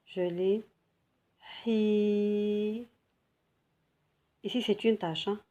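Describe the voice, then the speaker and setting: A woman teaching a beginner's lesson, patiently repeating each word slowly and clearly. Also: on the low side, mellow. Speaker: Arabic teacher.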